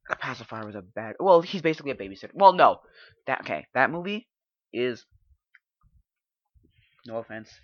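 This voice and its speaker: A man hosting a podcast in casual chat, rambling and halting as he thinks aloud. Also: medium pitch, big pitch swings, no echo. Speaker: podcast host. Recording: dull lo-fi dry sound.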